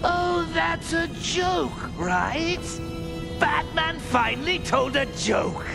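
The Joker, cackling high. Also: male voice, very animated, extremely slow, vocal fry, full character voice. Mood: mocking. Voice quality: gleeful, theatrical sneer. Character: cackling manic male clown villain, cartoon. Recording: cartoon clip over loud music. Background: music.

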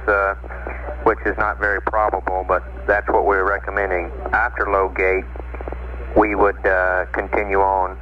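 A man working as a mission-control communicator, speaking matter-of-fact procedural radio talk over a transmission. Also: low-pitched. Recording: noisy, narrow-band archival space radio link. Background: loud radio static and noise.

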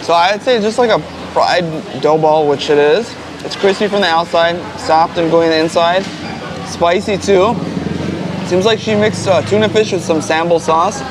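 A high-voiced American man speaks at a normal speed while vlogging casually for his viewers about the local food and language. He's a travel vlogger on a busy city street, and traffic and street noise run behind him.

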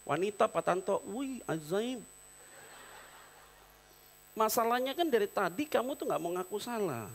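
A middle-aged man preaching a sermon in church, animated and quoting people in acted voices. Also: high-pitched, a little fast, vocal fry. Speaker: pastor.

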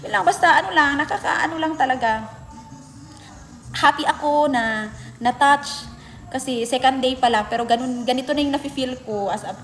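A woman's voice: high voice, long reverb tail. A young Filipina teacher in a chatty, emotional way telling a classroom story, switching between Tagalog and Bisaya. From Philippines. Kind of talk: casual storytelling vlog.

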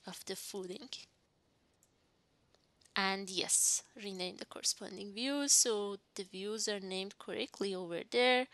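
A young adult woman recording a software tutorial at her desk, talking slowly through each step and checking her own work as she goes. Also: medium pitch, smooth, no echo. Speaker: instructor.

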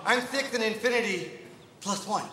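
A man's voice: high-pitched, normal speed, echoey room, in a large hall, distant mic, very noisy, natural voice. A man playing a bratty six-year-old boy in a comedy sketch, whiny and taunting. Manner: whiny, competitive childish taunting.

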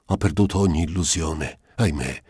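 A man's voice: a bass voice, normal speed, a little mellow, slightly rough, no room sound, clean studio sound, heavily acted. A man voicing a desperate noblewoman pleading at her dying father's bedside in an audiobook. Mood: anguished pleading. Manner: pleading, sobbing outbursts. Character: desperate grieving noblewoman, young daughter.

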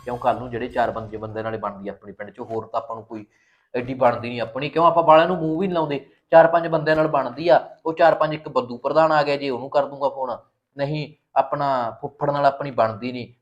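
A man playing a fast-talking young husband. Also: medium pitch, dull audio, close to an everyday voice. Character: cheeky young village husband.

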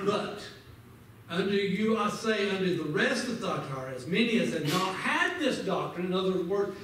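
A man with a high-pitched, animated, fairly bright voice teaches a Sunday school lesson at normal speed in a large church sanctuary, fervently quoting scripture and urging listeners directly. A far camera at the back of the pews picks up echoey sound with faint noise.

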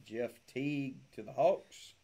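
A man's voice: medium pitch, slow pace, mellow. Man calling out cards in a break. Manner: reads out player names, joking asides. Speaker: card break host. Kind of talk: live card-opening commentary.

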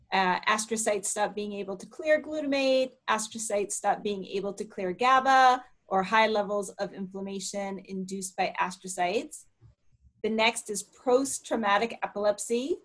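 A woman hosts a webinar on a video call, reading poll questions and options aloud in a friendly, encouraging way and urging people to try. Her voice is medium-pitched with a fairly bright tone.

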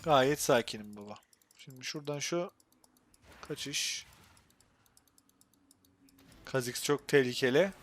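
Streaming live, a young Turkish-accented man narrates his gameplay in a fairly high-pitched voice. He gets excited easily and flips fast between mumbling to himself and bursting out in frustration.

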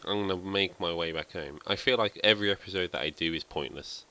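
Speaking fast, with a faint hiss or hum in the background, a man with a bright, forward, extremely deep voice narrates his game in a rambling, let's play style. He thinks out loud and jokes at his own expense for viewers.

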